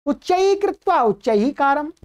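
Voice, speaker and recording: Woman playing an exasperated Brahmin father scolding a fool, high voice. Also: lively intonation, measured pace, a little mellow, lo-fi sound. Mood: rebuking. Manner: exasperated, rebuking.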